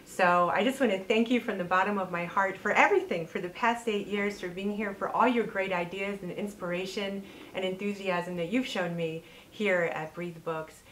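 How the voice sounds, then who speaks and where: A woman in her forties who owns a bookstore, speaking earnestly to camera in a fundraising pitch on a lapel mic. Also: normal speed, few pauses, slight background noise, low-quality recording. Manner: warm, earnest, heartfelt. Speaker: bookstore owner. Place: bookstore interior and outdoor porch.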